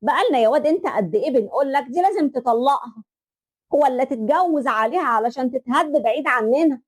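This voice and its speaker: A domineering mother-in-law scolds sharply in a high voice, as a woman storyteller puts her on. She has an Egyptian accent. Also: lively intonation, fast, slightly rough. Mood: scolding. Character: bossy meddling older mother-in-law.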